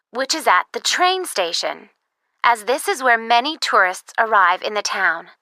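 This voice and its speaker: An actress voicing a recorded phone information message, in a clear, measured, scripted delivery for a listening test. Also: female voice, on the high side, sharp tone, no echo, full character voice.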